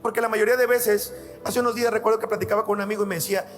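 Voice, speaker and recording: A pastor with a notably high voice preaches, weaving his own stories into the sermon in an earnest, heartfelt way. Soft music plays faintly behind him. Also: fairly even intonation, rapid-fire. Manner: earnest storytelling, addresses listeners as "amado". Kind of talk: sermon with personal testimony.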